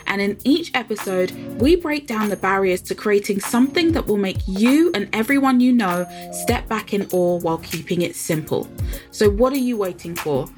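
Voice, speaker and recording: A woman's voice: medium pitch, lively intonation, normal speed, darkish tone, soft background music. A woman hosting a podcast, talking in an upbeat, emphatic way as she opens the show and puts questions to her guest. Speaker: podcast host. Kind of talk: podcast intro and interview.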